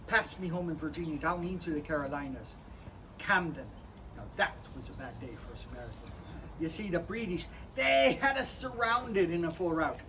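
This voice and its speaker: A man acts out a cheerful, bragging soldier of huge stature, young and born in Portugal. His delivery is playful theater that drops from booming to hushed, recorded at a historic park with a distant mic and outdoor ambient sound.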